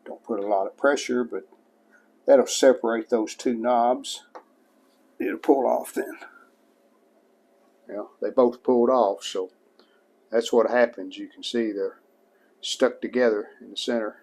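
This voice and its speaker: In a steady, medium-pitched voice with a darkish tone, a hobbyist restorer talks unhurriedly through a repair, thinking out loud as he goes. His hands-on narration is casual and plain-spoken.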